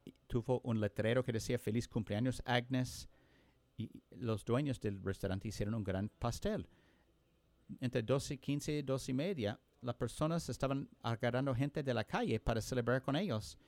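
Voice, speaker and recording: A man telling a story during a sermon, earnest, with frequent pauses and restarts. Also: mid-range voice, a little mellow, no echo. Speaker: preacher.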